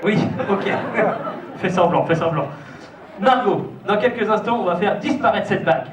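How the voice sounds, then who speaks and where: A man's voice: high voice, moderate pace, a faint crowd. A man doing live kids' party magician patter, a playful, teasing showman coaxing children and their families. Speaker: stage magician hosting a children's magic show. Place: show venue with a stage and live audience. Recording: echoey hall, distant mic, noisy audience.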